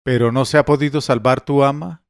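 A man's voice: mid-range voice, moderate pace, no echo, clean studio sound, lightly acted. A man voicing an anxious rich master who asks one urgent question after another.

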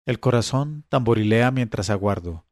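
A man reading a first-person story aloud in a measured, suspenseful way. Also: lowish voice, lively intonation, no room sound, studio quality.

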